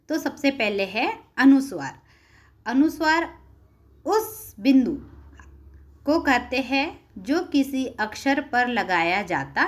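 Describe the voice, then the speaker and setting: Slow, patient woman teaching a class. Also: medium pitch, fairly bright tone. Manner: patient, repeats terms and asks check questions. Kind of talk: classroom lesson explanation.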